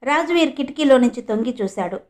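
A woman narrating a scripted story in an even, measured reading voice. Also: high-pitched.

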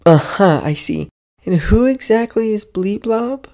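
A woman's voice: low-pitched, expressive, moderate pace, mellow, pitched above the performer's own voice. A woman voicing a storybook mother, speaking in a firm, questioning way. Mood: doubtful. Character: worried, skeptical mother. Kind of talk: storybook character voice.

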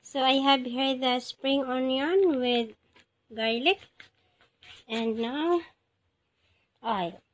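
A Filipino woman cooking in her home kitchen chats to viewers on a handheld phone, calling them "guys" and often saying "wow" and "yummy." Her high-pitched voice is extremely slow with frequent pauses, and the audio sounds dull.

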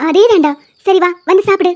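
A kindly old grandmother fusses lovingly over the girl she looks after, as a woman puts her on for a cartoon. The voice stays high and soft-spoken, recorded dull and muffled. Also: unhurried. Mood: doting. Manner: warm, doting, affectionate. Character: kindly elderly grandmother, doting housekeeper. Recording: dull lo-fi sound.

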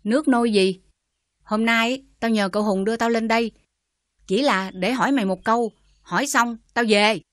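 An actress with a Southern Vietnamese accent playing a bitter older mother who scolds her daughter with sharp sarcasm. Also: on the high side, normal speed, no echo, studio quality, close to an everyday voice. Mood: scornful anger.

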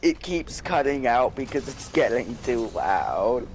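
A man's voice: mid-range voice, big pitch swings, measured pace. Casual man bantering over a game. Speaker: gamer. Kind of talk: casual gaming chat with friends.

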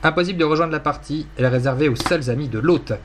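A man's voice: on the high side, fast talker, slight background noise. A young man casually commenting on his Minecraft gameplay, rambling playfully, teasing and mocking himself. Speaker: gaming YouTuber.

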